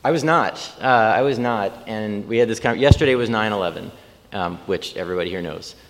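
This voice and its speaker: A man's voice: on the low side, fairly quick. A man in his forties from Long Island, a city mayor talking informally to a church congregation, rambling with frequent ums and restarts. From Long Island, New York. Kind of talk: informal speech and Q&A. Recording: reverberant church hall.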